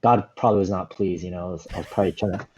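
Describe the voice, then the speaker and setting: A man in his forties, a stand-up comedian, telling stories in a relaxed, rambling way with lots of "you know" and "like". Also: deep voice, racing, husky, poor audio. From Southern California, USA. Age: 40s. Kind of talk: casual interview storytelling.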